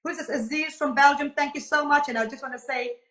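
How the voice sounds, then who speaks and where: A woman's voice: high voice, steady tone, quick pace, fairly bright tone, reverberant. Effusive woman singer from Zambia and Zimbabwe. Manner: laughs easily, effusive and affectionate. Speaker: singer, guest. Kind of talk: casual interview chat.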